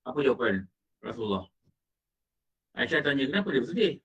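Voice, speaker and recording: A man's voice: medium pitch, big pitch swings, fairly quick, fairly bright tone. A man with a Malaysian Malay accent giving an Islamic lecture as a religious teacher, asking his listeners questions and acting out quoted dialogue. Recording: distant muffled mic.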